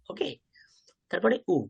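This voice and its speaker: A man teaching a Sanskrit class. He asks the learners questions, then says each pronunciation slowly and repeats it several times. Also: darkish tone, highs cut off. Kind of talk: language class lesson.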